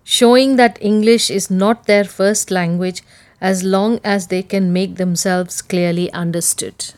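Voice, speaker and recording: Slow-paced Indian-accented woman reading. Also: medium pitch, steady tone, dry recording. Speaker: accent sample speaker. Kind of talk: reading a passage and word list aloud.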